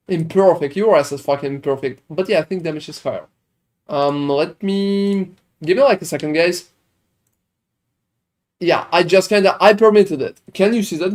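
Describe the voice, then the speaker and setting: With a voice that sits high and sounds a little mellow, a man from Sweden streams a game. He chats loosely with viewers, answering questions with rambling talk and swearing.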